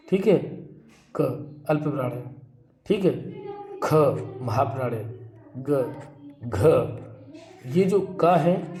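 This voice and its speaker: Male teacher, exam-prep lesson; slightly high, mellow voice; asks and answers his own questions. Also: echoey room. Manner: explains slowly, repeats points, asks and answers own questions.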